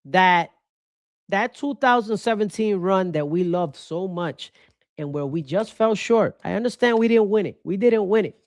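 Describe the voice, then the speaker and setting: A man's voice: sits high, darkish tone, no echo, studio quality. A man from Rico, hosting a baseball podcast with passionate, opinionated commentary and repeating his points for emphasis. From Puerto Rico.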